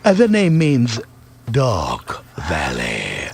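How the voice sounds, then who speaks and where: An actor playing a talkative gatekeeper of a dark valley in a video game, slow and dramatic with a husky voice. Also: male voice, on the low side, huge pitch swings, a little hiss or hum, heavily acted. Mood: ominous, explanatory. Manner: slow, dramatic, swooping delivery. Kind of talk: video game character dialogue.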